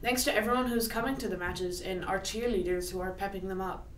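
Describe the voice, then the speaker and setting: A woman's voice: mid-range voice, steady tone, brisk. Woman co-hosting on a school intercom. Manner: earnest, occasional stumbles while reading. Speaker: school morning announcements co-host. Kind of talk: reading scripted announcements. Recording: echoey and distant with faint noise.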